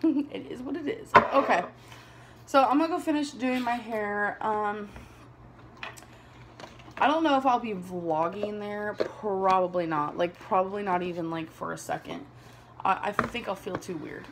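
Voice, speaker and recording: Young woman vlogger, mid-20s, chatty and rambling, slight vocal fry, faint hiss. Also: medium pitch. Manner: chatty, rambling, laughs often. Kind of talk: casual chat to camera. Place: small bedroom indoors. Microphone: camera on a desk below her.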